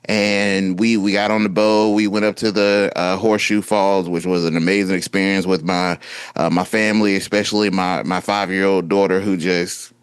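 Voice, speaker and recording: A man in his thirties co-hosting a podcast, telling a story in a lively, casual way and acting out what people said. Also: sits low, moderate pace, clean tone, dry recording. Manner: animated storytelling, acts out quotes. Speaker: podcast co-host. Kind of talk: casual chat.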